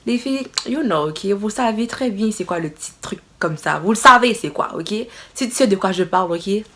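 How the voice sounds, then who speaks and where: A young woman telling a casual storytime to her viewers, expressive and exclaiming as she retells the scene. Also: mid-range voice, fairly quick. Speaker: vlogger.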